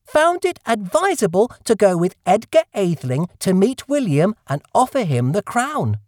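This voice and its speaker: A woman's voice: medium pitch, very animated, normal speed, darkish tone, no echo, natural voice. A woman voicing a fussy, self-important male mouse who lectures in a pompous, dry tone. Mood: cross.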